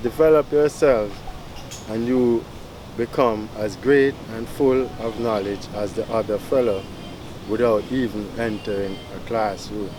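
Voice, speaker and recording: A man reading a text aloud in a measured, formal recitation. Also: lowish voice, background noise.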